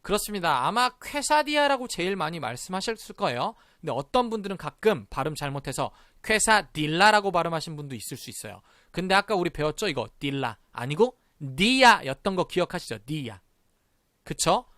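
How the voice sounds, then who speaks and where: A man in his thirties leads a live online Spanish lesson, his pitch leaping about as he stretches out each syllable for his students to repeat. His voice is bright and forward, recorded close and dry with no room around it. He keeps calling out the start of each drill. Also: very animated, dry recording. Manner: sounds out syllables slowly and stretches them. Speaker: Spanish teacher.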